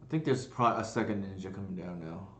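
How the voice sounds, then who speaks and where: A man's voice: low-pitched, fast talker, echoey room, muffled recording. A man streaming a card game, thinking aloud in a casual, hesitant way with many fillers. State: burping and coughing at times. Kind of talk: casual live-stream commentary.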